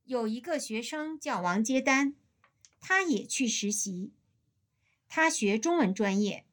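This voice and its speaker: A woman reading a scripted textbook dialogue for a language lesson, with careful, even delivery. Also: a little high, takes it slowly.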